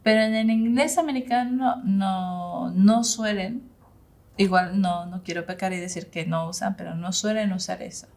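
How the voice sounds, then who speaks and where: Woman teaching English in Spanish. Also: a little mellow. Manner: explains in Spanish, models English phrases slowly with rising pitch; hesitant, searches for words with many fillers. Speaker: English instructor. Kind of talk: informal online language lesson.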